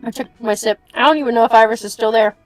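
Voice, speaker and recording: A woman with a fairly high voice talks casually on a stream. She is scattered and giggly, half talking to herself. The sound is dry, with faint music behind her. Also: very fast, no echo. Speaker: streamer playing and voicing a game with friends. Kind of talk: casual chat.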